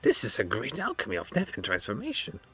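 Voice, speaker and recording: A sadistic alien surgeon from a video game, boasts in a high, strained voice that swoops widely. He is grandiose and menacing, often slipping into breathiness. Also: huge pitch swings, quick pace, a bit bright, breathy edge, full character voice. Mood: boastful, grandiose. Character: arrogant, sadistic alien flesh-sculptor, proud of his genius. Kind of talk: video game dialogue read aloud in character.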